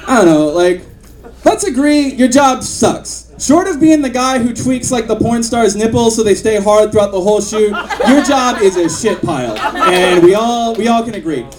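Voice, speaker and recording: Young male stand-up comic, high and animated, rambling filler-heavy delivery, loud laughing crowd behind. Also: moderate pace, noisy background. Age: 20s. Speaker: stand-up comedian. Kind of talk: stand-up set. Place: comedy club stage with live audience.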